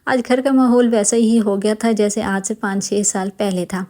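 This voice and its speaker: Warm, mellow woman narrating a novel. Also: medium pitch. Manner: calm, even storytelling. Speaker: audiobook narrator.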